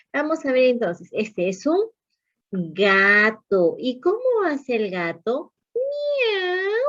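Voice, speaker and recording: A woman's voice: mid-range voice, muffled recording. A woman preschool teacher talking to small children as if to toddlers, in simple, repetitive, sing-song encouragement. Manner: repeats phrases and questions for young listeners.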